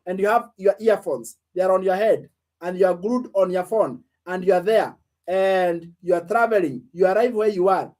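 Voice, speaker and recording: Here a man in his late twenties coaches online business, his voice sitting high and a bit mellow at a normal speed. He asks listeners questions and repeats key phrases to drive his motivational teaching home.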